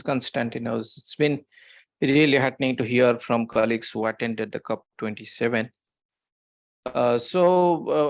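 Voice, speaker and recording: Gravelly-voiced man on a video call. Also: mid-range voice, dry recording. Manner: hesitant, many fillers and restarts. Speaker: panelist. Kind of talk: online panel discussion.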